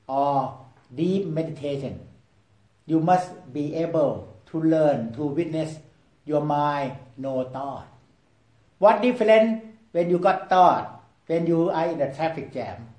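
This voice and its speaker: A man leading a group meditation in broken English, often asking "okay?" and swinging between loud prompts and hushed near-whispers. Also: on the high side, roomy sound, rough recording. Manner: non-native broken English, repeats "okay?". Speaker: meditation teacher. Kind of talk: guided meditation talk.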